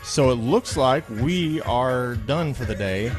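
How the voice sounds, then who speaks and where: A man's voice: mid-range voice, animated, takes it slowly. An American man hosting live coverage in an informal, conversational way, with some hesitations. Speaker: broadcast host. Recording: loud music playing behind voice. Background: music.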